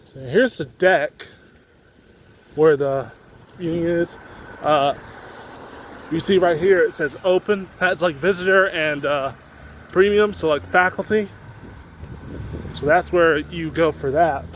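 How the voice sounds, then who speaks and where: This young adult student films a casual walking vlog outdoors on campus with his phone, talking off the cuff and wandering between topics. His voice is a little high, and he takes things slowly, pausing often, as faint traffic sounds drift in.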